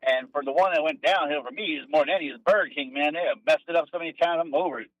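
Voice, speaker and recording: A man's voice: a little high, very fast, fairly bright tone. A man calling in to a talk show on a bad phone line that sounds like he's in a tunnel, chatting loosely with lots of "uh" fillers. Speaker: caller. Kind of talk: casual call-in chat. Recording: muffled echoing phone line.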